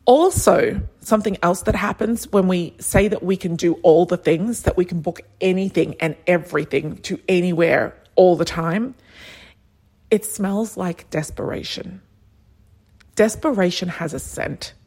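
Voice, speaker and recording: Woman, 30s, business coach; slightly low voice, conversational, lively anecdotes. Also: unhurried, husky. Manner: chatty, anecdotal, animated impressions. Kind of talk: solo business podcast talk.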